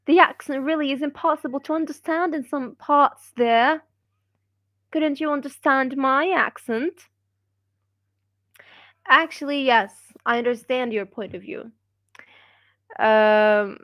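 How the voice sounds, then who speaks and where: A woman's voice: fairly high pitch, fairly bright tone, no echo, studio quality. A woman from Gaza, an English speaker hosting a casual livestream, reading viewer comments with many fillers and frequent laughs. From Gaza, Palestine. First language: Arabic. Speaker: livestream host.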